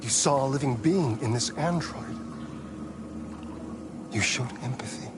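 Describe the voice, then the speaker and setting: An actor playing a calm, cerebral, manipulative man in a video game, speaking in a measured, philosophical way. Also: mid-range voice, close to an everyday voice. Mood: calm, probing. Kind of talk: dramatic video game acting. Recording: loud ambient noise behind voice. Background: loud ambience.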